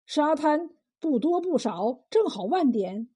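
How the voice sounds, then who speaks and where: A woman voicing a blunt, wise old male fisherman in a told folk tale, drawing out his words in a slow folksy way. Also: sits high, sing-song, dark tone, exaggerated voice. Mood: lecturing. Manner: slow, drawn-out folksy speech. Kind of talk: storytelling role voice.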